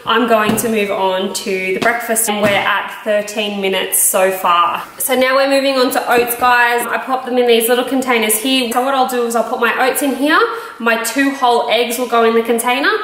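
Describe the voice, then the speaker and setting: Speaking at a moderate pace in a steady, fairly high, slightly bright voice, a thirtysomething Australian health vlogger casually walks viewers through a cooking routine. She is filming in her home kitchen, which is echoey and noisy in the background.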